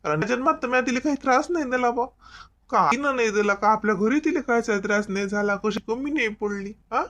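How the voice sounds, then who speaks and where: A voice actor playing a heartbroken young husband in an animated comedy, whiny and tearful, with a Varhadi Marathi accent. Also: male voice, very high voice, fairly quick. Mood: bitter.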